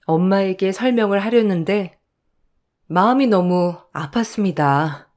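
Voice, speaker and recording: A woman's voice: medium pitch, unhurried, a little mellow. A woman reading a first-person story aloud and voicing herself in emotional radio-drama scenes. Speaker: narrator and heroine.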